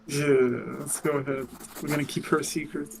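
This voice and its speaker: A man's voice: a little high, monotone, moderate pace, background noise. A man co-streaming a game, joking and sarcastic in casual chat. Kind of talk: casual game playthrough commentary.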